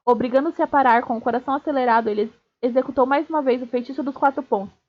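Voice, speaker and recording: A woman streamer reading a novel aloud, steady, with small slips and restarts. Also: sits high, very fast. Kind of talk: live read-aloud of a novel. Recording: dull lo-fi stream audio.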